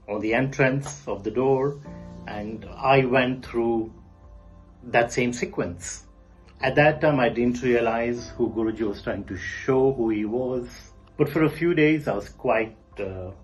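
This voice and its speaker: A man's voice: medium pitch, rough recording. Earnest man telling a personal story. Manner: earnest, halting storytelling with frequent pauses. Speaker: podcast guest recounting a personal experience. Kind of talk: spoken personal testimony.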